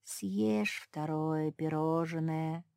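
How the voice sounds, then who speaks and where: A woman voicing a sly inner voice of temptation, speaking in a slow, coaxing way. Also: low voice, gravelly, darkish tone, clean tone, no room sound, clean studio sound, full character voice.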